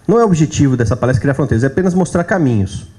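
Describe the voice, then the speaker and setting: A man's voice: medium pitch, animated, very fast, dark tone. A man with a Brazilian accent giving a church workshop lecture to a live audience, speaking in a conversational way and often checking in with his listeners. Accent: Brazilian Portuguese.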